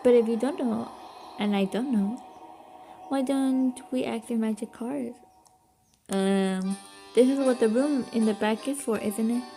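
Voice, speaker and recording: A woman's voice: a little high, a little slow, mellow. A woman voicing a wry, pushy masked male intruder while reading a game's dialogue aloud, with game music behind. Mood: teasing.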